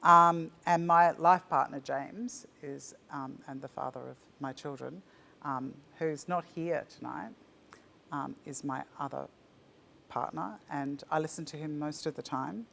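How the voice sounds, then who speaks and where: A woman's voice: low voice, fairly even intonation, measured pace, creaky, a bit bright, a little hiss or hum. An Australian woman who founded a ceramics company, chatting enthusiastically in an interview with frequent restarts. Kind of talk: casual interview chat. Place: virtual talk, faint room ambience.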